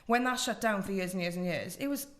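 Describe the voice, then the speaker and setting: A woman podcast host with a Welsh Valleys accent and a mid-pitched voice. She talks casually and chattily, slipping into little quoted asides as she goes. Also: fast. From South Wales Valleys. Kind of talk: casual chat.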